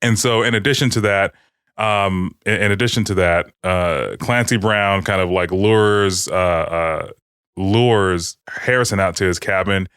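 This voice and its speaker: Podcast co-host, male, lower register, loose and profane storytelling, dry booth. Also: measured pace, fairly bright tone, clear, resonant tone, no room sound. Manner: profane, rambling TV recap. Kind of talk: casual podcast chat.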